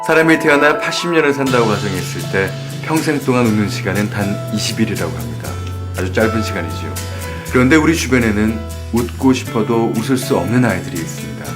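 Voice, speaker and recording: A man narrating a public campaign video in a gentle, earnest way, with guitar music behind. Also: on the low side, quick pace. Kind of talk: scripted narration.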